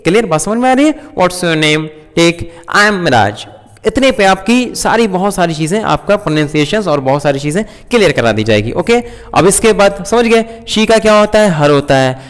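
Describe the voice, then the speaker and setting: Male teacher, high voice, repetitive question-and-answer classroom delivery, long reverb. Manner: asks questions and repeats key points. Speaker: English teacher. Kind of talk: classroom grammar lesson.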